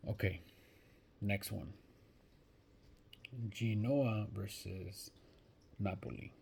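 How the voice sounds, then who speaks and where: A man's voice: fairly low pitch, fairly even intonation, extremely slow, creaky, a little mellow, slight background noise. A man giving casual soccer betting predictions, thinking aloud and hesitant, often restarting his sentences. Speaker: sports betting vlogger.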